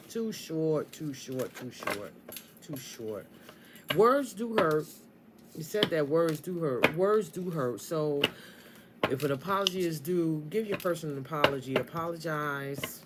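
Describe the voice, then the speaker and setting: A woman giving a casual tarot reading, blunt and animated, swearing freely and speaking straight to the listener. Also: on the low side, very noisy. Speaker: tarot reader.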